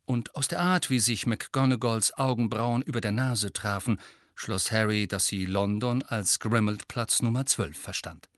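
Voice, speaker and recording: A man narrating an audiobook in an expressive storytelling manner. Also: on the low side, unhurried, dry recording, studio quality. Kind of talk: scripted narration.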